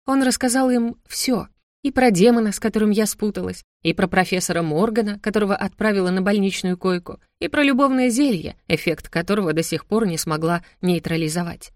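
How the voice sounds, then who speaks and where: Woman, audiobook narrator, wry and lively, mid-pitched, dry close recording. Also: brisk, no room sound. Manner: lively, wry, embarrassed storytelling. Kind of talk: first-person audiobook narration.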